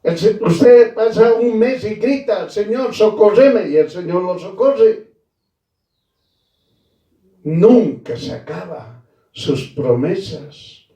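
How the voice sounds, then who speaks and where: A man preaching a sermon slowly and emphatically, repeating key phrases and calling his listeners brother. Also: sits high, lively intonation, warm tone, roomy sound, distant mic.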